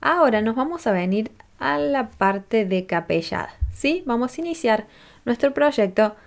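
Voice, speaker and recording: A woman's voice: on the high side, expressive, unhurried, gravelly. A woman, patiently teaching a crochet tutorial step by step and checking in with listeners as she counts rows aloud. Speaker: crochet instructor.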